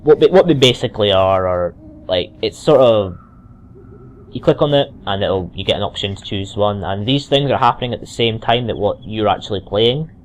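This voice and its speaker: This is a man with a mild Scottish accent giving loose, chatty let's-play commentary. His voice sits fairly low and he restarts and wanders between asides. A faint hiss from a cheap microphone runs underneath. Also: animated, normal speed. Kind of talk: casual gameplay commentary.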